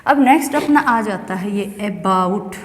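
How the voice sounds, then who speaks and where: Speaking unhurriedly in an animated, mid-range voice, an Indian woman teaches English pronunciation, explaining each stage and regularly asking her student questions. The lesson is recorded in a reverberant, echoey room.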